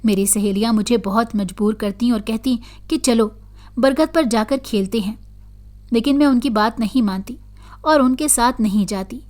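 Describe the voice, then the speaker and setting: Rich: A woman tells a first-person horror story in a steady, even way. Her voice sits a little high, and her delivery stays scripted and measured.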